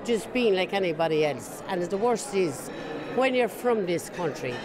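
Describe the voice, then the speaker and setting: A woman's voice: lowish voice, lively intonation, moderate pace. An older woman with a southern-sounding Irish Traveller accent gives personal testimony in a colloquial, plain-spoken way. Busy crowd chatter sits behind her voice. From Northern Ireland. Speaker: Traveller community member. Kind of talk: personal testimony in a news interview.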